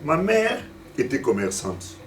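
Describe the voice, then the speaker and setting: At a church service, an African pastor in his fifties speaks a little slowly, his mid-range voice swooping wildly in pitch over a little hiss or hum. Searching for words, he stumbles and repeats himself and asks the congregation direct questions. A distant mic picks him up with faint room ambience.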